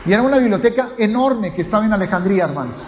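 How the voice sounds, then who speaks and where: A man's voice: high-pitched, lively intonation, racing, darkish tone, dull audio, a little hiss or hum. A man teaching a sermon, explaining step by step and checking in with his listeners. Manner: explanatory, addresses listeners as brothers, asks "ok?". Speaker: pastor.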